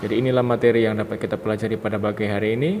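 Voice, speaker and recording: A man's voice: fairly low pitch, flat delivery, very fast, a little mellow. A male teacher giving a recorded lesson, explaining point by point with lots of "ya" and "nah" fillers. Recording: dull lo-fi audio with mains hum.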